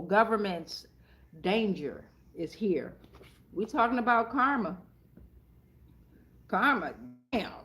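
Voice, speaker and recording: A woman with a medium-pitched voice hosts an improvised tarot reading, chatting casually in a blunt, slangy and profane style and repeating phrases to drive points home.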